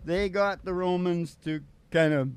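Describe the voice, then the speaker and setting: Co-hosting a comedy music podcast, a man with a high-pitched voice tells rambling comic stories and chats casually in a folksy, meandering, absent-minded manner. His delivery is a little slow with fairly even intonation, and his clean tone is recorded with no room sound.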